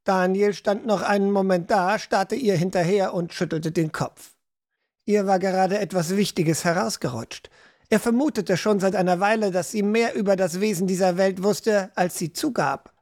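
A man narrating a fantasy audiobook in an even, storytelling manner. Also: high-pitched, moderate pace.

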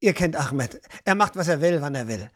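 A woman reading an audiobook, voicing a burdened male guard captain in a lowered, hesitant, serious voice. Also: lively intonation, moderate pace.

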